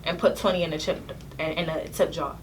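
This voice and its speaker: A woman's voice: sits low, fast. A young woman, a podcast guest telling stories in slangy, laughing casual chat. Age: young adult. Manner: animated storytelling full of slang and laughter. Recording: distant mic with faint room noise.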